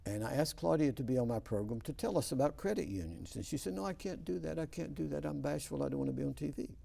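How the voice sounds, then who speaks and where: Folksy gravelly man hosting. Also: on the high side, expressive, fast, mellow. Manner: folksy storytelling. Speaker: host. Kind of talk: TV interview. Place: TV studio.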